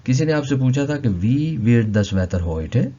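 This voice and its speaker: A man teaching a language lesson, slowly repeating each word several times. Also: medium pitch, lively intonation, warm tone, lo-fi sound. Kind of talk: explaining vocabulary lesson.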